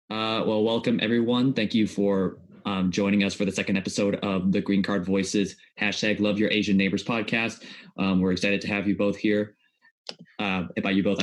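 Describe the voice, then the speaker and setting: Relaxed, low-voiced podcast host, a man. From Vietnam. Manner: relaxed, chatty, many fillers. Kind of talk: casual podcast hosting.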